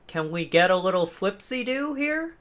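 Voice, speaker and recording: A man co-hosting a casual podcast rambles and jokes into a close USB desk microphone mounted on an arm. His voice is high and a bit bright, with a sing-song delivery at normal speed.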